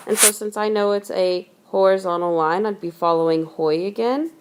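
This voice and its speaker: A woman tutor explains a math lesson step by step in a steady, methodical way. She slows down and repeats the important rules so listeners can take notes. Her voice sits at an ordinary middle pitch. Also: clean tone. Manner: patient, methodical explaining, repeats key points slowly.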